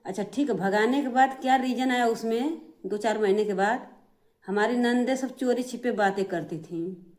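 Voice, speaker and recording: A middle-aged woman talks straight to her viewers in a fairly high voice. She is aggrieved and keeps circling back to the same complaints. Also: normal speed, darkish tone. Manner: aggrieved, repetitive, addresses viewers directly. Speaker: vlogger. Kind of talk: emotional family complaint to camera.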